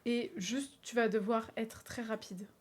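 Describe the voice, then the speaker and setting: A woman's voice: fairly high pitch, steady tone, unhurried, husky. A woman streamer chatting playfully with her viewers while drawing in a game, often exclaiming aloud.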